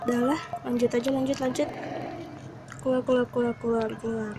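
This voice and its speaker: A woman's voice: a little high, little pitch movement, a little fast, over music. A woman doing casual horror game streamer commentary, talking to viewers and muttering repeated short phrases to herself as she plays. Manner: muttering to self, repeating short words while reacting. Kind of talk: casual gaming commentary, explaining to viewers while playing.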